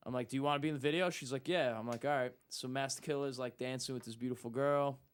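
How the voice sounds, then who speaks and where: A man's voice: mid-range voice, fast, clean tone. A young man telling a story in casual talk, acting out what people said. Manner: animated, acts out quotes. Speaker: guest.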